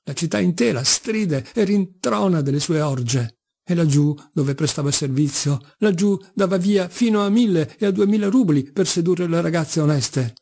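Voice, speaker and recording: A man putting on a shrill old buffoon father. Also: lively intonation, normal speed, creaky, a little mellow. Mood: accusing. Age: older. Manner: theatrical, whining, mock-pleading. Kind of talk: audiobook character reading.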